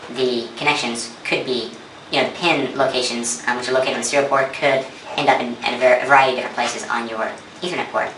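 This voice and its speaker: Picked up from a distance in an echoey space with faint noise, a man talks through instructions at a brisk clip. His voice is bright and clearly pitched for explanation, moving methodically from step to step. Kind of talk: instructional how-to walkthrough.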